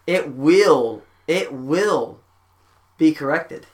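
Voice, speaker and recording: A man's voice: a little high, very slow. A man hosting a podcast, chatting casually in a backyard shack, rambling and swearing freely. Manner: rambling, profane, animated. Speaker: podcast host. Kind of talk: casual chat.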